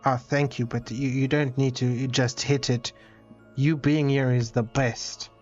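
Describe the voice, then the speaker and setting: A man's voice: mid-range voice, flat delivery, measured pace, muffled recording, faint music behind. A man streaming a game, chatting casually with viewers in a rambling, self-interrupting, playfully dramatic way. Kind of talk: casual live-stream chat while gaming.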